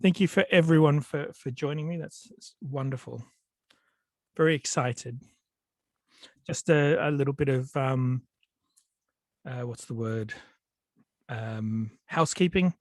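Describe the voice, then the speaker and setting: A man with a head cold, sniffly and medium-pitched, gives a storytelling talk over a video call. He speaks a little slowly with long pauses, hesitating with lots of fillers and restarts, and the recording is dry.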